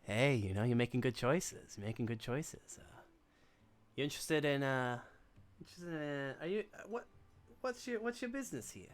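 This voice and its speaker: A man's voice: medium pitch, expressive, normal speed, lightly acted. Man putting on a pushy shady crook. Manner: pushy, repetitive, stammering threats. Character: shady male criminal, pushy and menacing.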